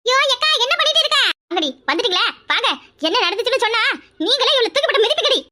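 A woman voicing a fiery village woman friend in a cartoon, loud and egging others on. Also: very high-pitched, lively intonation, rapid-fire, exaggerated voice. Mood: riled up. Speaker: cartoon character.

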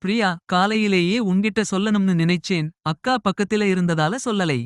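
A man voicing a gentle, firm mother. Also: high-pitched, fairly even intonation, moderate pace, clear, resonant tone, no echo, clean studio sound, voice pushed up, close to an everyday voice. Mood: tender. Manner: soft scolding, tender and reassuring. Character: caring middle-aged mother, gentle but firm.

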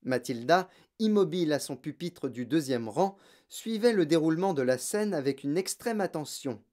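An audiobook narrator reading a children's novel in an expressive, dramatic way. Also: mid-range voice, moderate pace. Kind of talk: scripted storybook narration.

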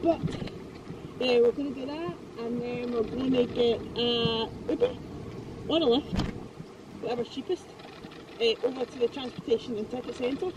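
A woman's voice: fairly high pitch, normal speed, long pauses. Scottish woman, young, travel vlogger; effusive casual chat, muffled recording, noisy surroundings. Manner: chatty, gushing, with many fillers. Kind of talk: casual vlog chat to camera. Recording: dull lo-fi sound with clear background noise.

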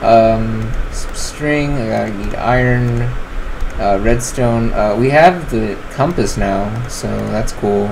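While playing, a young man in his twenties chats casually about what to craft, his relaxed commentary loose and heavy with fillers. He hosts a gaming channel, speaks slowly at medium pitch, and there's noise in the background.

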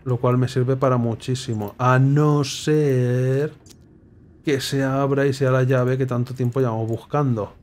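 A young man playing a puzzle game and thinking aloud, muttering clues to himself with sudden excited outbursts. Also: mid-range voice, moderate pace, hardly any pauses. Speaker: gameplay streamer. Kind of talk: casual puzzle game commentary.

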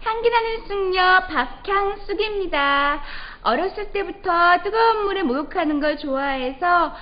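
Young pageant girl, polite eager stage speech, high female voice, muffled mic. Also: animated, moderate pace. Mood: eager, nervous. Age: young adult.

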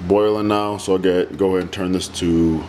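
Low-voiced man rambling through meal prep. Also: moderate pace, a little hiss or hum. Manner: relaxed, rambling, talks while cooking. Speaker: fitness trainer. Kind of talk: casual cooking walkthrough. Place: home kitchen. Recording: music playing under voice.

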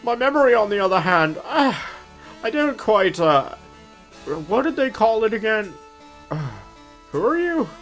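A man's voice: high-pitched, very animated, measured pace, pauses often, a bit bright, faint music behind, voice pushed up, full character voice. A man voicing a very old, fussy, absent-minded royal attendant in a video game, with a formal, hesitant manner. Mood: forgetful, hesitant. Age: older. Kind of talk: cartoonish video game character read-aloud.

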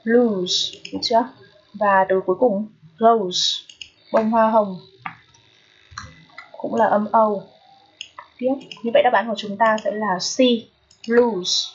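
Husky Vietnamese woman teaching English. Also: mid-range voice, steady tone, dull audio. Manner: checks in with listeners often; repeats each word slowly. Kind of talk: phonetics lesson.

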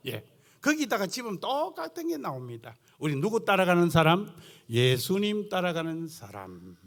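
A man's voice: high-pitched, moderate pace. An older man preaching a sermon in a thick Gyeongsang dialect, earthy and folksy, telling stories from his own ministry. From South Gyeongsang coast, Korea. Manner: earthy, folksy, animated storytelling. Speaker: guest pastor preaching.

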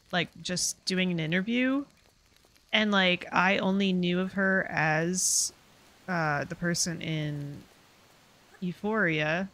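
A woman's voice: fairly low pitch, gravelly, fairly bright tone. A woman streamer chatting casually and rambling with lots of fillers while playing a game. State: hiccups. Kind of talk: casual gameplay commentary.

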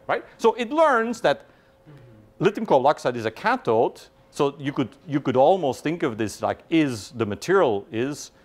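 A middle-aged guest lecturer with a mid-range voice gives an animated university lecture in a large hall with an audience. He sprinkles in "right?" often and quizzes his listeners.

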